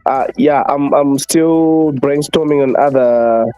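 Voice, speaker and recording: Slow, mellow, hesitant man. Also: mid-range voice, clear, resonant tone, dry recording, soft background music, low-quality recording. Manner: slow, hesitant, many fillers. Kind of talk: casual chat.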